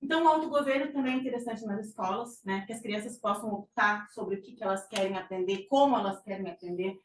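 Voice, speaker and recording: Speaking fast at a medium pitch, a middle-aged Brazilian woman presents a conversational psychology lecture in a Brazilian Portuguese accent, often using fillers and restarting sentences. An echoey room, distant mic and faint noise shape the sound.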